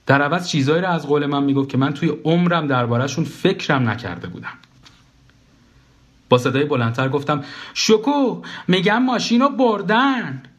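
A male storyteller reading a comic first-person story aloud. His narration is dry and wry, set at a middling pitch for a man, and it moves along in an even, unhurried way. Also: highs cut off.

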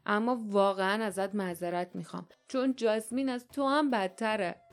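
A woman doing a gruff grown man, grumbling. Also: mid-range voice, close to an everyday voice. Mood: dry. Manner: gruff, complaining. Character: blunt grumbling grown man, a traveling guard.

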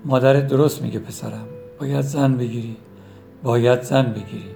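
A man voicing a quiet, stern middle-aged father who firmly repeats his point, in a gravelly storybook reading. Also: mid-range voice, fairly even intonation, soft background music, lightly acted. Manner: firm, repetitive.

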